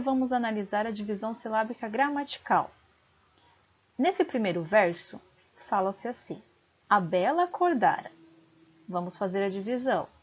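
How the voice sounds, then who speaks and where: A woman's voice: medium pitch, darkish tone, slightly rough, muffled recording. A woman teacher giving a home-recorded video lesson, patiently sounding out syllables one by one.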